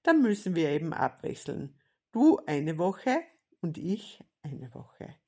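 Woman reading a shy puppet sidekick boy, hesitant and slow, her voice a touch husky. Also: low-pitched, sing-song, a little mellow, exaggerated voice. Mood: suggesting. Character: timid good-natured puppet sidekick boy.

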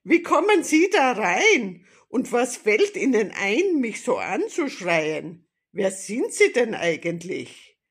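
A woman voicing an indignant, easily frightened old grandmother in a storybook reading, shrill and protesting. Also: animated, unhurried, a little mellow. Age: older. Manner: shrill and indignant, then timid.

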